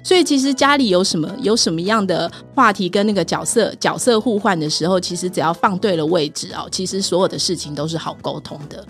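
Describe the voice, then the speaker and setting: Fast-talking Taiwanese Mandarin woman, chatty. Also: on the low side, faint music behind. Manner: chatty storyteller, acts out quoted dialogue. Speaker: podcast co-host. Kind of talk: casual chat.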